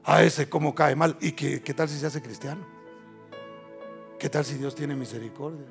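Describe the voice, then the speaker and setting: A male pastor preaching a sermon, building to loud emphatic passages and reading scripture slowly and solemnly. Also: fairly high pitch, steady tone, creaky, soft background music.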